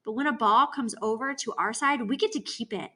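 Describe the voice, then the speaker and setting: Woman reading a storybook as a steady tomboy girl, plain-spoken, bright tone. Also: fairly high pitch, brisk. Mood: matter-of-fact. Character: sturdy tomboy girl, calm and matter-of-fact.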